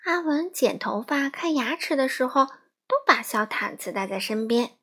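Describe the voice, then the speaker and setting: A woman reading a picture book aloud to young children in a lively, coaxing storytelling manner. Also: sits high, moderate pace, slightly rough.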